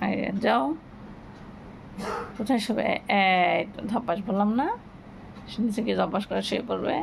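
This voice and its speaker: A woman's voice: medium pitch, moderate pace, vocal fry, a little hiss or hum. A woman at home talking to her cats in casual chat, scolding and coaxing them in a singsong way. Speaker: pet owner vlogger. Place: home, bedroom.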